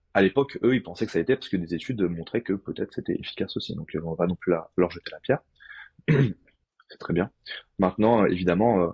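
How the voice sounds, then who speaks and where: A man's voice: low-pitched, a little mellow, husky, dry recording. A man, a physiotherapist guest on a podcast, explaining his practice step by step in a casual, thinking-aloud way.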